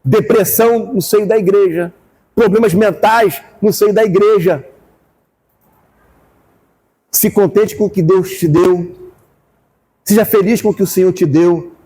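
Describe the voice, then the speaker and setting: A man with a Brazilian Portuguese accent preaching a fervent sermon as pastor, rising to shouts at times. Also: sits high, a little slow, long pauses, slightly rough, long reverb tail.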